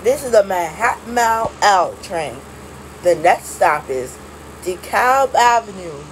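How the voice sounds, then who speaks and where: A woman making recorded subway train announcements, stop by stop in a flat, measured announcer delivery. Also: medium pitch, a little hiss or hum, poor audio.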